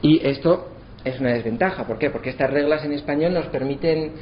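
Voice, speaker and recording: A man giving a lesson, slowing down to sound out words syllable by syllable. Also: fairly high pitch. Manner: spells out syllables slowly to demonstrate. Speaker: lecturer. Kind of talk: explanatory lesson. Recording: slightly dull, faint background noise.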